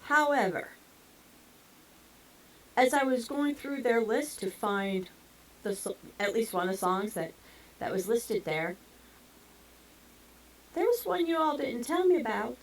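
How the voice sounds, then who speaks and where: A woman's voice: fairly high pitch, lively intonation, measured pace, long pauses, low-quality recording. A woman with a Southern US twang, a music reaction YouTuber chatting casually and playfully teasing her viewers.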